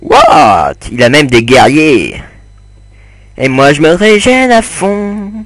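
A man's voice: on the high side, sing-song, takes it slowly, dry recording. Rambling young man narrating his gameplay. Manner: rambling, many fillers, chats to viewers while playing. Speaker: gamer commentating his play. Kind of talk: casual gameplay commentary.

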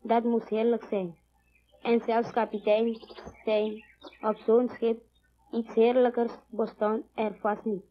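A schoolgirl reads aloud in class in a flat, steady voice. The sound is thin and tinny, like an old film print. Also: fairly high pitch, takes it slowly.

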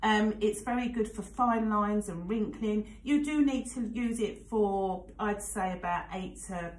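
Speaking at a measured pace in a medium-pitched voice, a woman in her forties from England presents casual radio talk, frank and full of fillers and digressions. It's recorded on a studio microphone in a radio studio, with reverberation and poor audio quality.

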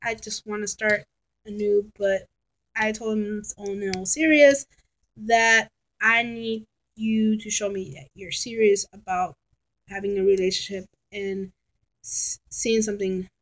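A woman's voice: medium pitch, steady tone, a little slow, rough recording. A woman of thirty in a casual rambling vlog, talking frankly and chattily into a laptop webcam at home. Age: 30s. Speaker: vlogger. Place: bedroom at home, indoors. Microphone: laptop webcam at close range.

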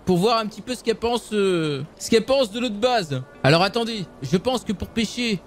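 A young man casually commenting on a survival game for his viewers, excitable and swearing often. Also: high voice, moderate pace, slight background noise. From France. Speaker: gaming youtuber.

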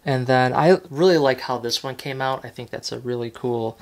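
A man casually talking through a hands-on model-building tutorial at his workbench, relaxed and chatty with lots of fillers. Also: mid-range voice, normal speed. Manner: relaxed and chatty, many fillers, self-correcting. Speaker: model railroad hobbyist host. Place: workbench indoors, off camera.

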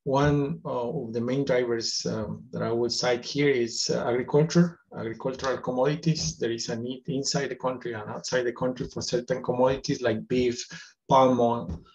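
Guatemalan man, measured webcam talk. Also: mid-range voice, fairly even intonation, a little mellow, lo-fi sound. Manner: measured, with frequent fillers and restarts. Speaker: forest engineer and economist. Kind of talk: recorded video talk. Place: indoors, virtual background.

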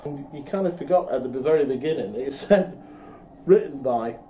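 A middle-aged man from the UK, chatting casually as a co-host and telling a story with animated laughs. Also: medium pitch, normal speed, over a noisy crowd. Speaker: podcast co-host. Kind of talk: casual chat.

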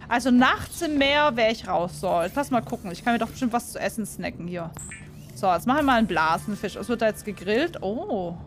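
A chatty, excitable woman commentates her gameplay and keeps turning to her viewers. Her voice sits a little high, and soft game music plays underneath. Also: fairly quick. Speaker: gaming YouTuber. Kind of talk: casual let's play commentary.

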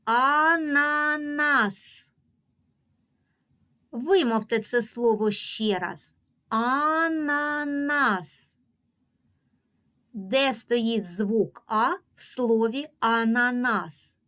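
A woman teacher with a Ukrainian accent leads a reading lesson for young children at an unhurried pace. Her voice sits a little high, and she speaks with patient, clear instruction. She draws out each example word slowly so the children can follow. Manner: slow, drawn-out pronunciation of example words.

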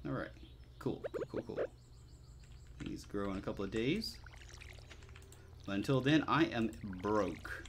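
A man's voice: fairly low pitch, animated, measured pace, long pauses, noisy background. A man giving casual let's play commentary, laid-back and muttering to himself in short phrases. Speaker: video game player and commentator.

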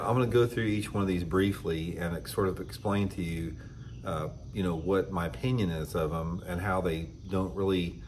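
A man in his fifties hosting a fishing channel, talking casually to camera indoors. He is blunt and opinionated and clears his throat often. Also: low voice, a little hiss or hum. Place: indoor room with shelves of tackle.

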